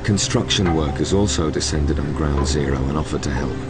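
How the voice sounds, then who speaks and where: A man giving grave, measured scripted narration for a documentary voice-over. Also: rumbling low, heavy background noise. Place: studio voice-over. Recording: loud music bed behind.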